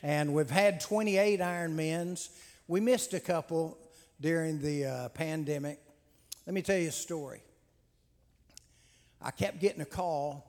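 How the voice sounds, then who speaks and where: Guy, kinda high voice, folksy rambling announcements, long echo in a big hall. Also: measured pace, long pauses, a little mellow. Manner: folksy, repeats words, many "uh" fillers. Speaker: conference host. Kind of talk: conference announcements and testimony. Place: large hall with long reverb. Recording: reverberant hall sound.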